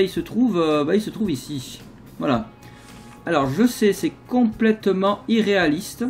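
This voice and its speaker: A man giving a casual, rambling walkthrough of his city-building game, full of fillers and restarts. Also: fairly high pitch. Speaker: let's play host. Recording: faint background music.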